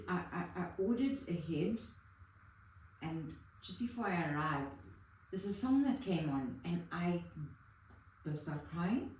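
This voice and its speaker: A middle-aged woman with a low voice shares her therapy journey in an emotional, rambling way, often restarting her sentences. She sounds distant from the mic in a very echoey room, with faint ambient noise behind her. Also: darkish tone. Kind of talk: casual personal conversation.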